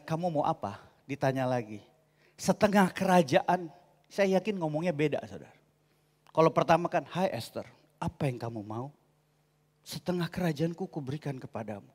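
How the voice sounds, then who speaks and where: Animated preacher in a reverberant church. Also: male voice, on the high side. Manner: animated, acts out dialogue in funny voices, chuckles often. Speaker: pastor. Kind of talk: sermon with humorous storytelling. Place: church hall.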